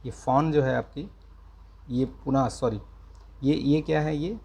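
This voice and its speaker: Man, exam-prep teacher, slow and careful, gravelly voice, warm tone. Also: medium pitch, steady tone. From India. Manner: slow, careful speech with repeated check-ins. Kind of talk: casual exam-prep lecture.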